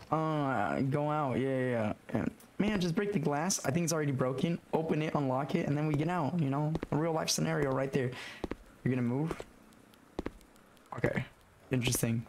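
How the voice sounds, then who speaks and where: Through a headset, with background noise, a young YouTuber whose voice is hoarse from illness talks his way through a horror game. He jumps at the scares, swears, and chats to himself in a mid-range, raspy voice.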